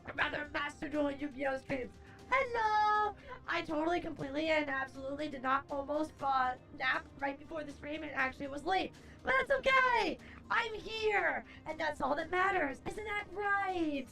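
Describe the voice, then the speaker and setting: A woman's voice: sits high, moderate pace, vocal fry, bright, forceful tone. A woman hosting a livestream in playful, theatrical chat with a horror-host flair. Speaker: livestream host, VTuber-style streamer. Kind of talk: theatrical horror-host greeting turning to casual stream chat. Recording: music behind the voice.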